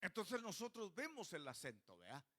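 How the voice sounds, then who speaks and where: A man's voice: high voice, huge pitch swings, moderate pace, fairly bright tone. A male pastor preaching a sermon in church, often putting questions to the congregation.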